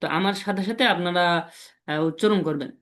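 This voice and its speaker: A man teaching a language lesson, patiently explaining and repeating example syllables slowly. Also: high-pitched, fairly bright tone.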